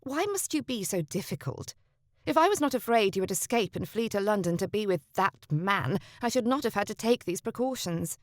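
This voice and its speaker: A woman's voice: medium pitch, lively intonation, moderate pace, dry recording, clean studio sound, lightly acted. A woman voicing a stern, controlling noblewoman sister who speaks in a clipped, curt manner.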